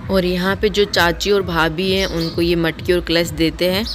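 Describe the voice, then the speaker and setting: A woman's voice: fairly low pitch, little pitch movement, moderate pace. A woman with a Rajasthani accent narrating a village wedding ritual for her vlog, explaining each step to viewers as it happens. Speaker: vlogger. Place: outdoors at a crowded village wedding. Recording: noisy phone video in a crowd. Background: crowd of women and loud ambient noise.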